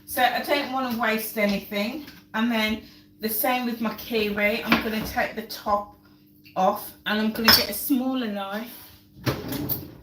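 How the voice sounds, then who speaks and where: Still recovering from a cold and coughing, a woman chats through a casual cooking live stream in her home kitchen for her lifestyle channel, often repeating words for emphasis. She speaks fairly high, amid background noise. The kitchen echoes and the mic is placed some distance away.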